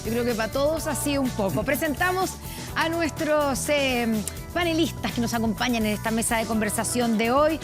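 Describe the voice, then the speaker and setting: A Chilean woman anchors a studio talk show in a fairly high voice, brisk and chatty as she sets up each question. Music plays clearly behind her. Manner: brisk, conversational, leading questions. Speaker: TV news host. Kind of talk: political panel moderation.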